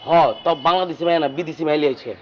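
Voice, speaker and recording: A man's voice: a little high, fairly even intonation, darkish tone, lightly acted. Dude as a jittery yes-man sidekick rattling off lines, slang, faint background noise. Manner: rapid, eager, deferential. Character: fawning young male sidekick.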